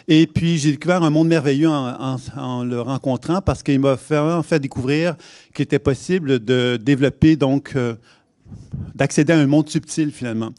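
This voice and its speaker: A man's voice: mid-range voice, a little mellow, no echo, studio quality. A man with a Québécois accent giving a talk at a conference, often hesitating and restarting his sentences. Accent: Québécois French. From Quebec. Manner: hesitant, many restarts and fillers. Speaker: conference speaker. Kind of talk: public lecture. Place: conference hall.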